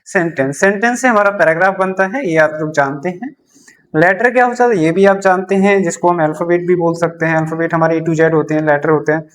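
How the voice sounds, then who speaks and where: This beginner English lesson, taught in Hindi, comes from a teacher whose medium-pitched voice runs a little fast. Examples are written on a board while key terms are repeated and self-posed questions get answered.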